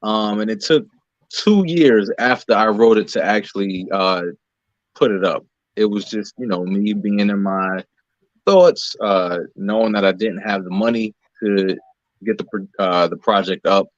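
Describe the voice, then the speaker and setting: An American man with a lowish voice answers casually as an interview guest at a measured pace. He's a singer, actor and playwright. The recording is slightly muffled but has no echo.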